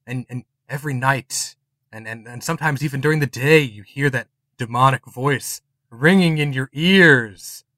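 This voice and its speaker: A man runs a tabletop horror game, narrating as he improvises. His delivery stumbles and repeats, with a bright, sharp voice at a middle pitch in a dry recording. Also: no echo. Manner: halting, repeats words as he improvises. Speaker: game master.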